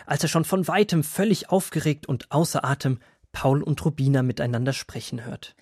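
A man narrating a children's Bible story in a calm, expressive storytelling manner. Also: on the high side, moderate pace, breathy edge, no echo, studio quality.

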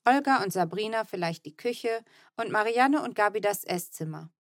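Calm practical mom in a storybook, read by a woman, mid voice, dry close sound. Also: mid-range voice, normal speed, dry recording, natural voice. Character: calm caring mother, adult woman.

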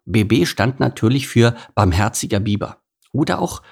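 A man narrating a children's animal story, expressive and playful. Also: medium pitch, normal speed, vocal fry, husky. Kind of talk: storybook reading.

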